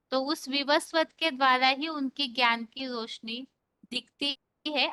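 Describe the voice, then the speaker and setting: A woman teaching an online scripture class, patiently explaining verses and reciting them slowly. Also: high-pitched, bright, forceful tone, clear, resonant tone, no echo.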